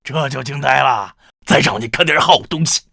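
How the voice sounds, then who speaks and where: An actor playing a boastful, competitive older rich patriarch who brags and teases. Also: male voice, medium pitch, normal speed, creaky, sharp tone, no echo, clean studio sound. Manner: bragging, teasing.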